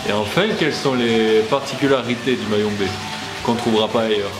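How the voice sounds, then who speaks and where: A man's voice: lowish voice, fairly even intonation, fairly quick. A man interviewing a restaurant owner, asking prepared questions in a polite, formal way. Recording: echoey room with music behind.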